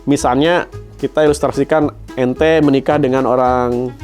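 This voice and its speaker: A man co-hosting a casual podcast chat, talkative and quick to laugh. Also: mid-range voice, fairly even intonation, darkish tone, faint music behind. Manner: chatty, laughs often, uses slang. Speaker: podcast co-host.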